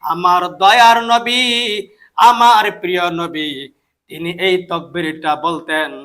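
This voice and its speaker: A man's voice: high-pitched, fairly bright tone. A Bangladeshi man with a Bengali accent preaching a sermon, emphatic and repeating key phrases. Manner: emphatic, repeats phrases, chants takbir slowly.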